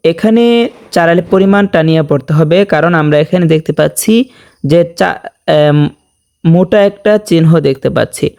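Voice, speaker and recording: A man teaches Quran recitation in a high, clear, resonant voice that leans mellow and dark in tone. He explains each tajweed rule step by step, often checking in with the listener. Then he chants the verse very slowly, stretching out each syllable. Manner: checks in with "okay?". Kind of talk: tajweed lesson with slow recitation.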